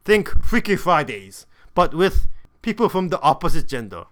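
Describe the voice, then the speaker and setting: A man's voice: on the high side, very animated, moderate pace, fairly bright tone. A man giving a scripted review of a television drama, with dry, sarcastic humor.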